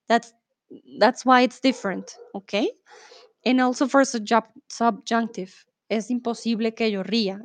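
A woman's voice: on the high side, dry recording. A woman teaching on a live stream, reading viewer comments aloud and patiently explaining verb forms. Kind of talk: live-streamed language lesson reading chat.

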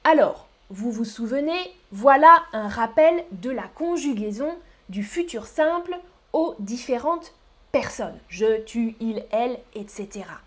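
A woman from the Paris region, France, teaches French pronunciation in a live online lesson, speaking with a Parisian accent. She repeats each example slowly and carefully. Her voice is a little high, expressive, and a bit bright.

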